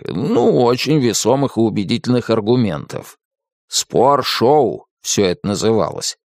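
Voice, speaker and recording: A man's voice: sits high, dry recording, studio quality, voice pushed up. A man voicing a pompous talking cat who drawls thoughtfully, lecturing in a storybook reading.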